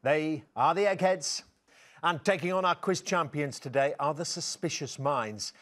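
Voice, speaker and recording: A man's voice: a little high, measured pace, a bit bright. A man hosting a television quiz show, reading questions and joking with contestants between laughs. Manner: jokey, laughs between lines. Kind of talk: scripted presenting and friendly banter.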